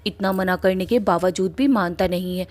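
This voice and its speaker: A woman voicing a feisty young woman in a cartoon, who is blunt and quick to threaten. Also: lowish voice, a little mellow, natural voice. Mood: complaining.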